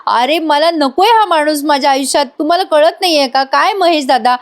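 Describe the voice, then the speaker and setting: A woman's voice: high voice, brisk, pitched above the performer's own voice, close to an everyday voice. A woman voicing a defiant, fed-up young woman from a TV serial, scolding heatedly.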